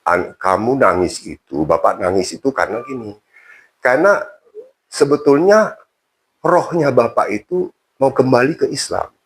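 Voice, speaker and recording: A man's voice: medium pitch, expressive, moderate pace, long pauses, husky, pitched above the performer's own voice. Man doing a stern old cleric. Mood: explaining. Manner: scolding, emphatic, raised voice. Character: older male cleric, stern then kindly explaining.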